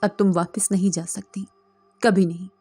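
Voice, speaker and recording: A woman's voice: mid-range voice, level tone, darkish tone, slightly rough, faint music behind. Woman voicing a cold, possessive jinn lord. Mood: angry. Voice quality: cold, mocking.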